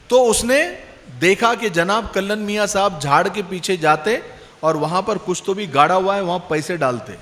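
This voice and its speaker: A male preacher tells a moral story from the pulpit, pausing to quiz his listeners. His voice is high and rings out with a long hall reverb. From Pune, India. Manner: lively storytelling, quizzing the audience. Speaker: Islamic preacher. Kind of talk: storytelling sermon.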